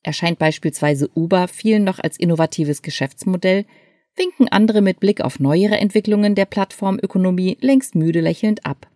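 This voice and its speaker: Mellow-voiced woman reading an essay. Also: lowish voice, no room sound, clean studio sound. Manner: clear, measured reading. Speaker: article reader. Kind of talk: scripted narration of an essay.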